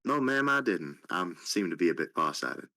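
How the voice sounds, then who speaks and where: A man voices a cocky street saxophonist in a tabletop game, glib and unbothered, talking his way past the rules. The voice is low, with a bright, forceful edge. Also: big pitch swings, normal speed, exaggerated voice.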